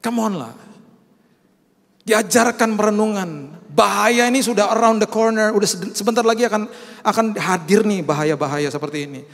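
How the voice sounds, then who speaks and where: A middle-aged male pastor, telling animated stories in a sermon and mixing in English phrases. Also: high voice, moderate pace, vocal fry, big-room sound.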